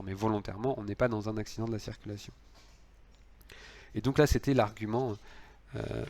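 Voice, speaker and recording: A man's voice: lowish voice, a little mellow. A man lecturing on law, explaining cases with frequent fillers and restarts.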